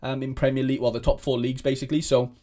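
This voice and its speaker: Very fast and flat yet warm in tone, a medium-pitched young man chats casually to camera about fantasy football. A native Welsh speaker, he rambles with plenty of restarts and fillers.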